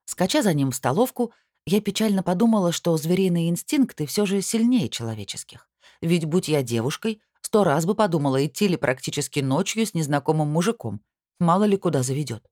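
A woman reading an audiobook in first-person scripted narration with a lively, wry storytelling manner. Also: lowish voice, brisk, dry recording, studio quality.

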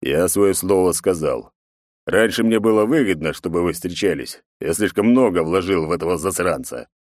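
A man voicing a gruff, commanding middle-aged emperor and father in an audiobook. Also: low-pitched, moderate pace, a little mellow, dry recording, clean studio sound, lightly acted. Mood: weary.

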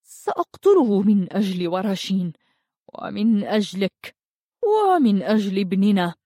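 A woman's voice: mid-range voice, sing-song, unhurried, warm tone, no echo, studio quality. A woman voicing a ruthless, ambitious prince who speaks in a hard, clipped way. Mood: cold. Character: ruthless ambitious prince plotting murder, tense.

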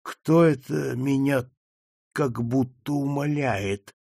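A man reading an audiobook, voicing a frail, confused old marquis who speaks slowly in a hushed, trembling voice. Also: mid-range voice, expressive, vocal fry, slightly rough, no echo, studio quality, heavily acted. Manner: slow, hushed, trembling speech.

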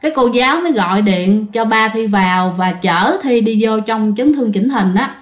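Woman storyteller, fairly high voice, chatty and direct with listeners. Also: animated, moderate pace, echoey room. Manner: chatty, addresses listeners directly, vivid retelling. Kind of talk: casual ghost story narration.

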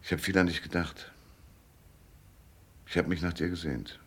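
In a German radio drama, a male actor plays a world-weary, cynical private detective, laconic and knowing, with a deep, gravelly voice. He speaks at a moderate pace. The mood is tender and resigned.

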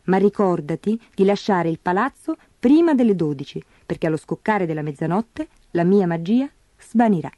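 A woman voicing a kindly fairy godmother in a storybook reading, fond and lively. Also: lowish voice, moderate pace, few pauses, no room sound, lightly acted. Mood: tender. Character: kindly magical fairy godmother, female, old.

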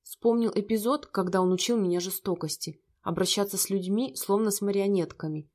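A woman narrating a story, reading every part in a steady narrating voice. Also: mid-range voice, brisk.

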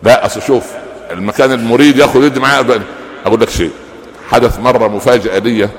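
An older man with an Egyptian Arabic accent giving a religious lecture, animated, questioning his audience and drawing out words. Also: medium pitch, in a large hall. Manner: animated, asks the audience questions and pauses for answers. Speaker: preacher.

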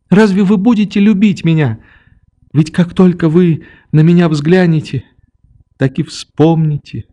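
A man voicing a fierce, tearful little orphan girl in an audiobook, with shrill, defiant, sobbing outbursts. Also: mellow.

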